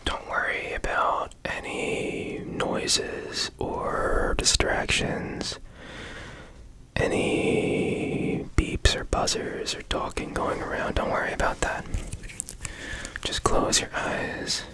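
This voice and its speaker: In a slow, gentle whisper, a man soothingly guides listeners through an ASMR meditation, breathy and close to the studio microphone.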